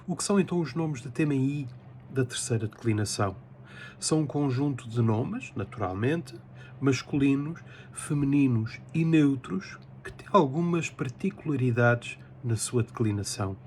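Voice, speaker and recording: A man from Portugal with a European Portuguese accent, giving a careful, slow lecture as a Latin teacher. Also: medium pitch, animated, a little hiss or hum. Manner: slow, careful, spells out word forms. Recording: dull lo-fi sound.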